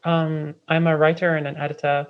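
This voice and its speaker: A London woman, a writer and editor, speaks as an interview guest in a low, flat voice, a little fast, with a clean tone. Her explanations are casual, hesitant, and discursive, full of "like" and "kind of." The audio is slightly dull and lo-fi.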